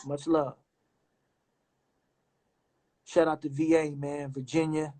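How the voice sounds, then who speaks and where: Man host, live-stream chat, relaxed, slightly higher voice, phone mic. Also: moderate pace. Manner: laid-back, says man and my brother often.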